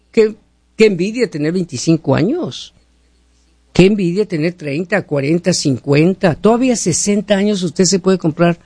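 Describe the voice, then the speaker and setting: A man's voice: fairly high pitch, gravelly, warm tone, no room sound, clean studio sound. A man hosting a call-in radio show, giving direct advice to listeners and callers. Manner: direct, advising, rhetorical.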